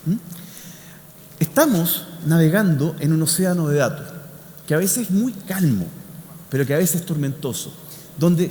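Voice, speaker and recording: A man's voice: a little high, a little mellow. A man with a Chilean accent giving a public science talk in a didactic way, often checking in with short tag questions. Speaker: speaker, scientist. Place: large indoor hall before an audience. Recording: echoey hall, faint noise.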